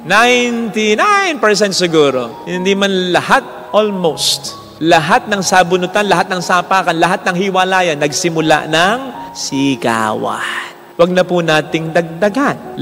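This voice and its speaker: A man, a priest, giving a sermon in Tagalog mixed with English, swinging between loud bursts and quiet asides. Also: on the high side. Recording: long hall reverb with faint music.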